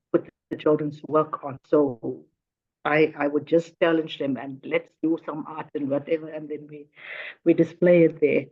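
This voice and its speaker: Heard on dull lo-fi audio, this deep-voiced woman is a teacher in her fifties from South Africa's Northern Cape whose first language is Afrikaans. As a guest in a casual interview, she frequently repeats words as she looks for the right phrasing.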